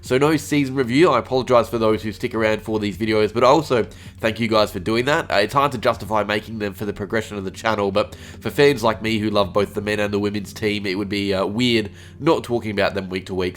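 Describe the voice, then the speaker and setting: A man's voice: lowish voice, fairly even intonation, fast. An Australian man with a slight cold, hosting his fan channel's solo review of a football game, with frequent "uh" fillers. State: a little sick. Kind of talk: solo sports review vlog.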